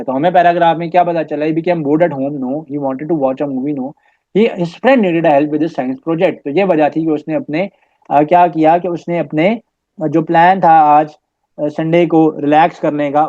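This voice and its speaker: A man teaches an entry-test English lesson, moving between Hindi-Urdu and English as he explains. His voice sits a little high. The recording is dull and lo-fi. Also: a little mellow. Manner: reads English passages slowly. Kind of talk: recorded lecture. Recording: dull lo-fi audio.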